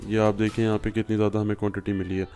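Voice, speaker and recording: A man's voice: fairly low pitch, level tone, rapid-fire, warm tone, soft background music. A man from Pakistan giving a patient step-by-step farming tutorial at a work table indoors. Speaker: farming instructor. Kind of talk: home how-to tutorial.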